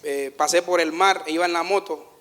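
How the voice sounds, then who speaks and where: A man preaching a sermon, telling personal stories in an animated way, laughing at himself and dropping to a hush in tender moments. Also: a little high, normal speed, big-room sound. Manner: animated storytelling, laughs at himself, swings from loud to hushed. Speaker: pastor.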